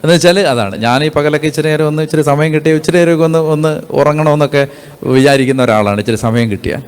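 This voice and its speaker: A man's voice: fairly high pitch, racing, smooth. A man preaching a sermon, emphatic and repetitive, asking his listeners rhetorical questions and reading scripture aloud.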